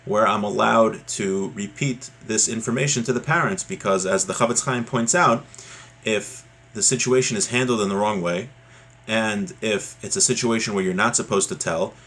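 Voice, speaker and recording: This man's voice sits on the lower side, with a fairly bright tone and a moderate pace. As a teacher in an informal religious lesson, he reads a text aloud and then unpacks it conversationally, punctuating his explanation with "right?".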